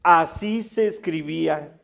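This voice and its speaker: A male teacher lectures a room of students on mathematics. His voice sits a little high, and he speaks slowly and deliberately. He keeps putting questions to the audience and counting off numbers one by one. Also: gravelly, fairly bright tone. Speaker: math teacher giving a conference talk.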